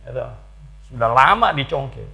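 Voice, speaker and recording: An older man preaching a sermon, swinging between loud emphatic peaks and low asides, and asking the congregation rhetorical questions. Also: lively intonation, moderate pace, vocal fry, poor audio. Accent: Indonesian. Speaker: pastor.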